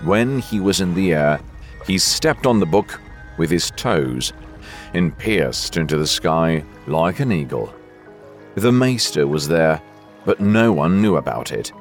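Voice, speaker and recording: Slow deep-voiced male storyteller. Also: faint music behind. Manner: slow, expressive reading. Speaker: narrator. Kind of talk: storytelling narration.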